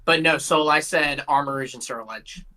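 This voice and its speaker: A man's voice: fairly high pitch, brisk, bright, forceful tone. A man co-hosting a casual podcast chat, playful and spinning joking scenarios for the others. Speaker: podcast co-host.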